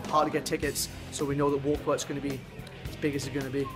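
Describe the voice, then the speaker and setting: A man's voice: medium pitch, flat delivery, quick pace. A man in his twenties, a professional wrestler giving a promotional interview to camera. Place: indoor community centre room. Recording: loud music bed under speech.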